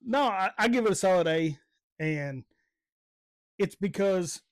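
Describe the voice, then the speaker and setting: A man's voice: high voice, animated, measured pace, no room sound, clean studio sound. A man co-hosting a casual movie review podcast, easygoing and agreeable, with loose everyday grammar. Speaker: podcast co-host.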